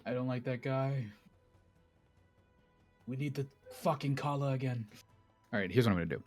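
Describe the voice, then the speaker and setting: A man playing in a tabletop role-playing game, swearing freely and thinking through his moves out loud. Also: mid-range voice, normal speed, faint music behind. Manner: blunt and profane, thinking aloud. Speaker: player. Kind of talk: casual tabletop game play.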